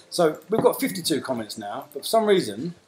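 A man's voice: fairly high pitch, sing-song, moderate pace, a little mellow, roomy sound, slight background noise, poor audio. A man with a South London accent hosting a casual live Q&A, chatting and reading out viewer comments. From England. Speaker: host.

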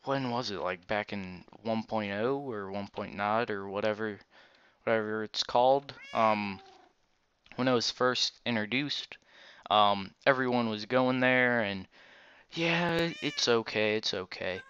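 A man giving casual, halting, rambling gaming commentary while wearing a retainer that slightly affects his speech, recorded on a dull microphone. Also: lowish voice, steady tone, a bit bright, a little hiss or hum. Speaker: gaming video host. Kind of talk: casual Let's Play game commentary.

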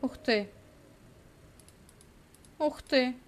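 A woman's voice: high-pitched, drawn-out words. Playful young woman streamer over game noise. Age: young adult. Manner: playful, self-talking, repeats words. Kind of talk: casual live gaming commentary. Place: indoor room at a computer.

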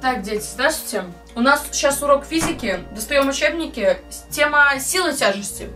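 A woman plays a strict schoolteacher with a high, commanding voice. She is bossy and exasperated in comedy sketch style, heard slightly off the mic with clear music behind her. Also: lively intonation, moderate pace, far from the mic. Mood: stern. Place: small room indoors, seated a few meters from camera.

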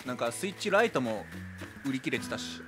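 A man's voice: medium pitch, sing-song, brisk. Chatty young man rambling over game music. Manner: rambling, chatty, talks to himself and viewers, laughs often. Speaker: game streamer. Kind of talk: casual live-stream chat while playing. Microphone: desk microphone.

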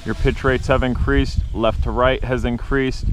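A man's voice: mid-range voice, flat delivery, measured pace. A man casually narrating a drone flight review outdoors in an open field, rambling as he flies. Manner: rambling, talks while flying. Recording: loud wind noise outdoors. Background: loud wind and outdoor noise.

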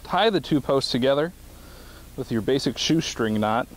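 In a rough recording from a grassy field, a thirtysomething product demonstrator explains each step plainly in short phrases as he works. His mid-range voice is expressive and moves at normal speed.

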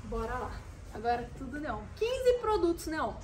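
High-voiced Brazilian woman vlogging while shopping. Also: normal speed, a little hiss or hum. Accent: Brazilian Portuguese. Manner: animated, talks to viewers while browsing. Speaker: stationery store vlogger. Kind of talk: chatty shopping vlog. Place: inside a stationery store.

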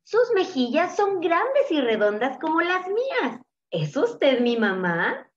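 A woman's voice: high-pitched, sing-song, takes it slowly, muffled recording, voice pushed up, exaggerated voice. A woman voicing a tiny, lonely boy chick searching for a mother, with an eager, pleading manner.

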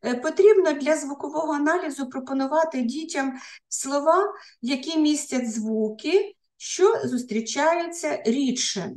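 A woman with a high voice lectures fellow teachers as an education researcher. She pauses often on filler sounds and restarts words mid-way. The recording has a roomy echo around her. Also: a little mellow.

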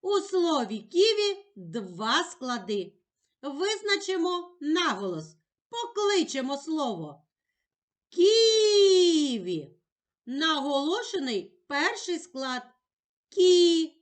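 A woman teaches young children in a very slow, carefully articulated voice. She sits fairly high in pitch and lifts her intonation in a lively, sing-song way, stretching out each word she wants heard. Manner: drawn-out, sing-song emphasis on words and sounds.

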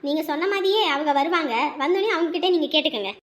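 A woman acting a young daughter who calmly pleads with her mother in a family drama. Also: high voice, quick pace. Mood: pleading. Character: young woman, patient daughter defending fiancé.

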